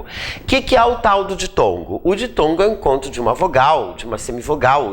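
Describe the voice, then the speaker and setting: A woman teaching a grammar lesson for exam prep, explaining step by step and stretching out key words for emphasis. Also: sits low. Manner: drawn-out emphatic word-by-word explanations.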